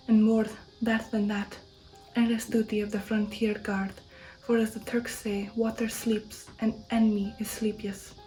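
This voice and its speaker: For an ASMR audiobook reading of a gothic novel, a woman voices a proud, stately old male vampire count who boasts of his warlike ancestry. She speaks softly, half-whispering, in a dark, mellow tone, keeping her pitch fairly even as the count declaims. Her voice sounds natural, though the recording is rough.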